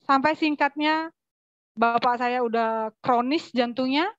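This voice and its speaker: A woman's voice: sits high, takes it slowly, no room sound, highs cut off. Woman from West Sumatra giving testimony. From West Sumatra, Indonesia. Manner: earnest, addresses listeners as brothers and sisters. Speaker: testimony speaker. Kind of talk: church testimony.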